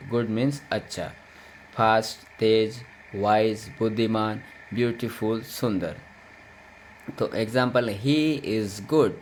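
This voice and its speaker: A man's voice: lowish voice, slight background noise. A man teaching English grammar, explaining patiently and repeating each point with translations.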